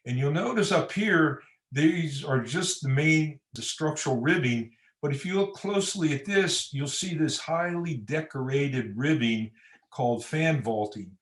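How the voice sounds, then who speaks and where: A man's voice: medium pitch, echoey room. A man giving an informal slide lecture on church architecture in a church setting, pointing at pictures and adding personal asides.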